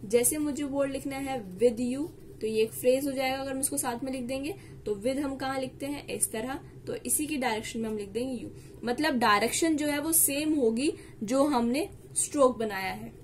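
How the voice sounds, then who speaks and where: High-voiced woman teaching shorthand. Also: moderate pace, a little hiss or hum. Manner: patient, repeats key terms, mixes English words into Hindi. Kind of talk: step-by-step classroom explanation.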